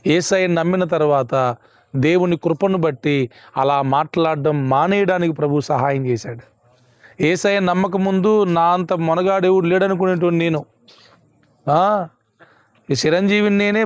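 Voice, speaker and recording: A high-voiced male pastor preaches with emphasis, firing repeated questions at his congregation. His voice sounds dry and close. The recording is dull and lo-fi. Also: unhurried, pauses often, no echo. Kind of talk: sermon.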